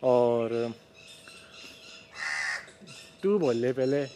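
Slow-talking young man vlogging outdoors. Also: mid-range voice, animated, noisy background. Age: young adult. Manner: chatty, self-correcting, joking asides. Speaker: travel vlogger. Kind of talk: casual walking vlog. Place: outdoors in a wooded resort. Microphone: phone held at arm's length. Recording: faint outdoor ambience with birds.

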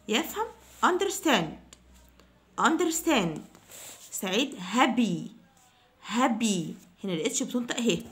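A woman with an Egyptian Arabic accent teaching children vocabulary, repeating each word slowly. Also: fairly high pitch, a bit bright. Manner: slow, drawn-out repetition of each word. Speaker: English teacher.

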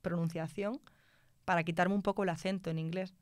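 Smooth-voiced young Spanish woman engineer. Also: lowish voice, fairly even intonation, fairly quick, no echo, clean studio sound. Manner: candid, reflective, laughs often. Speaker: telecom engineer guest. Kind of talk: casual interview chat.

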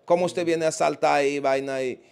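A man's voice: fairly high pitch, normal speed, gravelly, clear, resonant tone. A Dominican man talks as a guest in a casual interview. He tells his stories with a lot of life and acts out the voices of the people in them. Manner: animated storyteller, acts out quoted voices.

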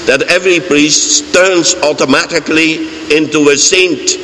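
Older dutch priest preaching, slow and deliberate, pulpit mic, big echoey church. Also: male voice, a little high, fairly even intonation, sharp tone. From Netherlands. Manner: slow, deliberate, emphatic with repeated phrases. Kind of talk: homily. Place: large church, indoors. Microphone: fixed mic on pulpit. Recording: church reverb, faint hiss.

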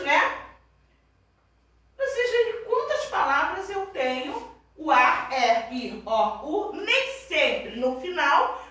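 A Brazilian woman teaching young children, dictating words slowly one at a time. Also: sits high, bright, forceful tone, recorded from a distance, muffled recording. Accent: Brazilian Portuguese. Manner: slow, drawn-out word-by-word dictation. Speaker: primary school teacher. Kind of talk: online class for young children. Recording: echoey room, voice from off-mic.

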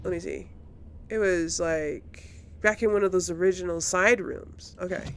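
A woman with a lowish voice gives casual gameplay commentary as a let's play host, musing aloud and often second-guessing herself. She speaks at normal speed with fairly even intonation, and there's a little hiss or hum.

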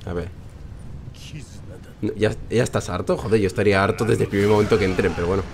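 A man's voice: on the low side, steady tone, fast talker, creaky, background noise. A young man with a Spain Spanish accent, hosting a let's play with joking, sarcastic, swear-filled casual commentary.

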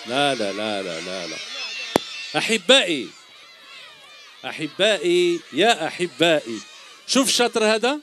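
A man's voice: a little high, very animated, moderate pace, long pauses, sharp tone, a little hiss or hum. A middle-aged man with an Algerian Arabic accent, hosting a children's show on an outdoor stage, teasing kids with quiz questions into a handheld microphone. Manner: teasing, jokey, calls kids "my dears". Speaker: children's entertainer host. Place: outdoor stage before a large crowd of children.

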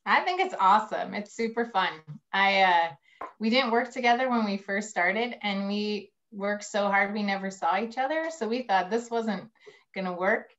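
A woman's voice: medium pitch, normal speed, fairly bright tone. A middle-aged woman priest casually explaining things for children on a video call. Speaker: priest, interview guest. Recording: slightly dull video-call audio.

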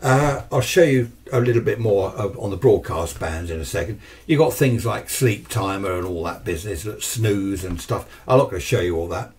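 With hardly any pauses, this older man talks at a moderate pace in a lowish, darkish, animated voice and a southern English accent. Aged around 60s or 70s, he's an amateur radio hobbyist presenting a video from a cluttered indoor home workshop. He casually rambles through an unscripted demonstration, adding asides and questions to himself.

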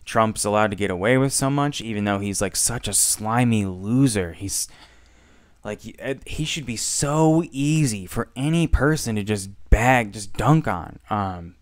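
Smooth low-voiced rambling young man. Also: lively intonation, dry recording. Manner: rambling, halting, heavy with fillers; frustrated, blunt, swears. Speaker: political commentator. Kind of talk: reaction commentary on a debate.

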